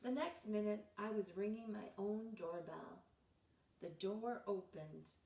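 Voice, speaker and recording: A woman reading a children's bedtime story aloud in an expressive, dramatizing way. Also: mid-range voice, slow, vocal fry. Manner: animated, dramatizing dialogue for children. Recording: roomy echo, distant mic.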